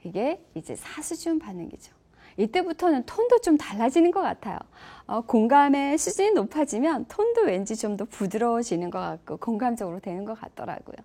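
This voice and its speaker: A woman's voice: fairly high pitch, very animated, brisk, warm tone. A middle-aged woman lecturing on levels of empathy, engaging listeners with questions. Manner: engaging, asks audience questions.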